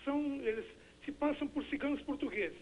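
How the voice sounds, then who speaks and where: Fast high man with São on the phone. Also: dull audio, a crowd in the background. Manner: talkative, explains at length. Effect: heard over the phone. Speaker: caller. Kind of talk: call-in opinion.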